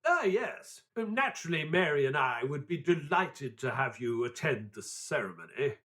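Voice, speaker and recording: An actor playing a mild, earnest Victorian doctor and storyteller in an audio drama, polite and measured. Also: male voice, on the high side, very animated, fairly bright tone. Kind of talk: audio drama acting and narration.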